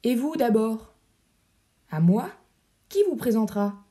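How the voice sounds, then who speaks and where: A woman reading the part of a proud, sharp-tongued male swordsman poet in an audiobook of a verse play, answering in short, clipped replies. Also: a little high, big pitch swings, slow pace. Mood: curt.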